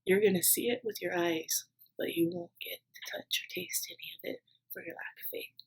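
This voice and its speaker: A calm old prophet delivers a stern warning in a retold Bible story, as a woman puts him on. The voice is low and a little husky. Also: moderate pace, low-quality recording.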